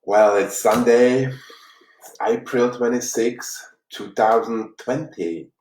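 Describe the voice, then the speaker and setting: A man from the Czech Republic with a Czech accent, a life coach giving an earnest, halting motivational talk on a live stream. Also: medium pitch, a little mellow, slight background noise. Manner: earnest, halting, with frequent restarts. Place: room in Los Angeles. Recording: roomy, distant mic.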